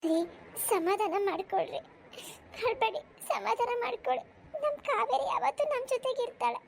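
A woman voicing a gentle young wife in a cartoon, softly consoling her husband. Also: very high-pitched, expressive, normal speed, gravelly, noisy background, exaggerated voice. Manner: soft, consoling. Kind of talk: cartoon voice acting.

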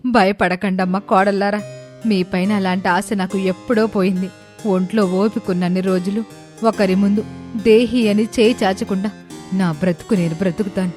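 A woman voices a wounded, dignified elderly widowed mother rebuking her sons with emotional, emphatic reproach, sounding hurt and proud. Her natural, darkish voice sits at medium pitch with fairly even intonation and moderate pace over soft background music.

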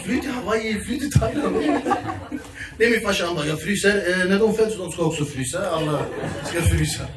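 A man performing stand-up comedy on stage, animated and acting out his relatives in loud, shouting voices. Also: high voice, crowd noise, noisy background. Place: theatre stage before a live audience. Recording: roomy live stage sound from a distance, loud laughing audience.

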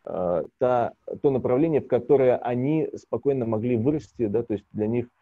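A man's voice: medium pitch, normal speed, no room sound. A man, a business owner, talking casually as a guest on a video call, hesitant, with many fillers and chuckles. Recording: dull lo-fi call audio.

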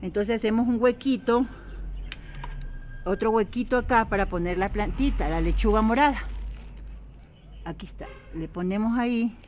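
A woman with an Ecuadorian highland accent, chatting step by step as she plants vegetables in an outdoor garden, filmed on a phone. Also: moderate pace, pauses often, a little mellow. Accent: Ecuadorian highland Spanish. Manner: chatty, step-by-step, repetitive, addresses viewers as friends. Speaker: home gardening vlogger. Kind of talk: casual how-to vlog. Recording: outdoor noise, animals and traffic.

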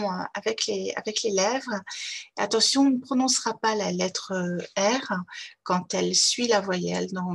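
A woman teaching English vowels to French children, saying each word slowly and repeating it with care. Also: medium pitch, vocal fry, a bit bright, husky. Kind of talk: slow, careful pronunciation lesson.

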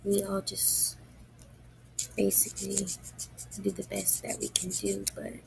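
A woman speaking in hushed, breathy late-night pillow talk, often near a whisper, with halting phrases and long pauses, as an intimate personal monologue. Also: mid-range voice, completely flat delivery. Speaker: video maker. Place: quiet room indoors at night. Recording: noisy room, clear background noise.

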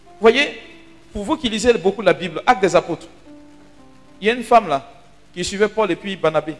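Animated high-voiced priest preaching. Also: male voice, normal speed. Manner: animated storyteller, dramatic drops to hushed asides. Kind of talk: sermon teaching. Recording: hall reverb with faint music.

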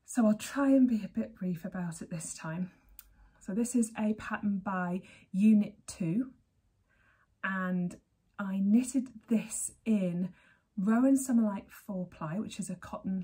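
This medium-pitched voice is a little mellow and slightly rough, belonging to a woman in her thirties from Berkshire, England. She hosts a knitting podcast, chatting to camera in a sunny living room with plenty of rambling and laughter, captured at desk distance.

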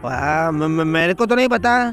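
A man voicing a calm, teasing older-brother figure in a game video. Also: fairly high pitch, normal speed, faint music behind, voice pushed down.

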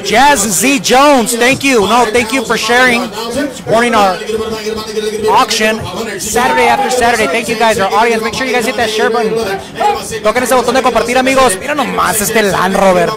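A man's voice: very high voice, moderate pace, over loud music. A man hosting a car auction live stream with upbeat, slangy, bilingual promotional patter in a crowded covered outdoor lot. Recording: loud crowd around the voice. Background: loud crowd.

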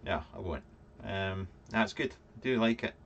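A man's voice: deep voice, unhurried, vocal fry, fairly bright tone, dull audio. A man in his thirties with a Fife Scottish accent, hosting a casual livestream vlog, rambling and dryly joking as he answers chat comments. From Fife, Scotland. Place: small cluttered home room, indoors.

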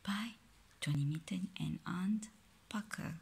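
Recorded on a phone at home, a Malaysian-accented man reads a picture book to a child, speaking softly and often in a half-whisper while adding playful sound effects. His voice is high, slow, creaky and slightly rough.

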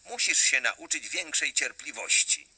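A man's voice: fairly high pitch, animated, measured pace, sharp tone, husky, voice pushed up, full character voice. A man voicing a stern, stout railway boss lecturing an engine in a storybook tale. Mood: scolding.

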